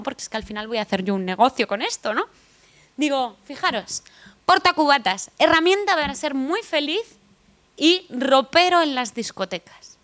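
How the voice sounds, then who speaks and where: A woman's voice: high voice, a bit bright. A young woman with a Madrid Spanish accent giving a humorous talk on stage. She tells personal stories in a chatty, joking, self-deprecating way and turns to the audience with asides. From Spain (Madrid). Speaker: conference speaker. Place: conference stage before an audience.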